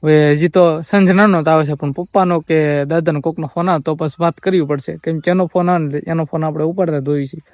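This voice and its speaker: A man's voice: a little high, steady tone, fast, hardly any pauses, a little mellow, no room sound, clean studio sound. A young man, talking to viewers in a subdued, rambling vlog from his family farm. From Gujarat, India. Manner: subdued, rambling and repetitive, often quoting others. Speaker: vlogger.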